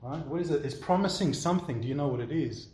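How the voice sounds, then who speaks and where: Conversational pastor in a roomy room. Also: male voice, on the high side, quick pace, darkish tone. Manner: conversational, keeps checking in with "all right?". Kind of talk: sermon answering congregation questions. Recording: roomy echo.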